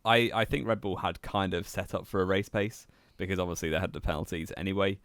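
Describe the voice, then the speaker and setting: A young man in casual podcast chat, with a low, deep voice recorded close and dry. He is relaxed and teasing and laughs easily between points. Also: quick pace, no echo. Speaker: podcast co-host.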